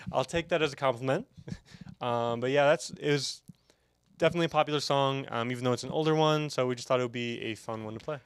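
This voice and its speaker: A young man who plays in a student band answers a host's questions in a smooth, resonant voice. He sounds close and dry, with no room around him. He hedges modestly and laughs easily between his answers. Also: medium pitch, fast, no room sound. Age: young adult. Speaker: university student band member. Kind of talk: casual interview chat.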